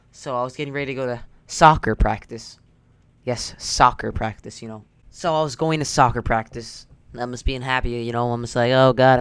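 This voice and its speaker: Teen boy, sarcastic rambling vlog story, smooth clear voice, dry close sound. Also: medium pitch, a bit bright, no room sound. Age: teens. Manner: sarcastic, rambling with crude jokes. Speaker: YouTuber.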